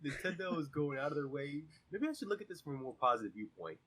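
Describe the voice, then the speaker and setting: A man with a fairly high, husky voice rants on a gaming podcast, swearing freely and sliding into heavy sarcasm. His talk is loose and unscripted, full of mock outrage. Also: big pitch swings, quick pace, fairly bright tone. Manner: profane, sarcastic ranting. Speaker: podcast co-host. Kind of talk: casual gaming podcast chat.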